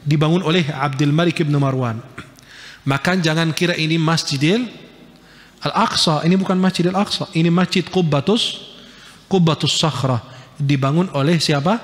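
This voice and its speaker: A man with a fairly high voice gives a casual religious lecture in a lively, joking way. He points at pictures as he talks, and his words ring out with a long reverb from a large hall. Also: normal speed. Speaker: Islamic preacher.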